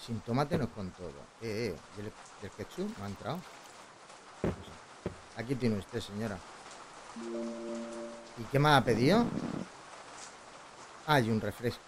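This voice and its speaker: A man's voice: mid-range voice, animated, a little slow, long pauses, over music. A man from Spain with a Spanish accent doing playful, casual gameplay commentary, chatting to himself and reading dialogue aloud. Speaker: gaming video host. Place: indoor streaming setup. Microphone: close desk boom microphone.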